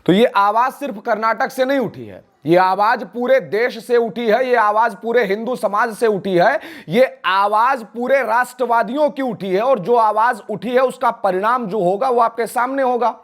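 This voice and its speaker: A man with an Awadhi Hindi accent speaks with great heat as an interview guest. He declaims and fires off rhetorical questions. His voice sits very high for a man. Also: moderate pace, hardly any pauses, fairly bright tone. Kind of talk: impassioned interview answers.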